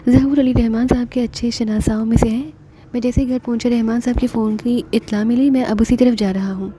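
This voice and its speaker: A woman voicing a tired, weary male police superintendent who talks in a flat, businesslike way. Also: on the high side, fairly quick, noisy background, close to an everyday voice.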